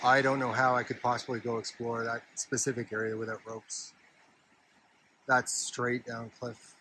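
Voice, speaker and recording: A man with a slightly husky voice gives casual, unhurried, offhand narration to his camera while walking a trail outdoors. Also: mid-range voice, flat delivery, pushed and bright, a little hiss or hum, low-quality recording. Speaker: hiking vlogger. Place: outdoors on a park trail with a stream nearby.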